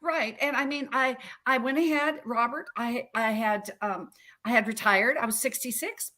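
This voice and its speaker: Lively woman in her sixties, high voice. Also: moderate pace. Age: 60s. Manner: animated, emphatic storyteller. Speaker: health coach guest. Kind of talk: storytelling interview answers. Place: Central Florida.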